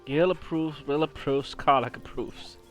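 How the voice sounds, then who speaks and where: A man's voice: on the high side, moderate pace, faint music behind. A man giving casual let's-play commentary, chatting to himself as he plays. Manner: chatty, talks to himself over the game. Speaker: game streamer.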